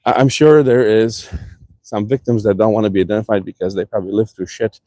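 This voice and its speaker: A man's voice: on the low side, fairly even intonation, a little fast, mellow, dry recording. Heated, sweary man ranting with a slight accent. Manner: heated, profane, sarcastic. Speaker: vlogger. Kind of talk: casual ranting monologue. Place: in a car.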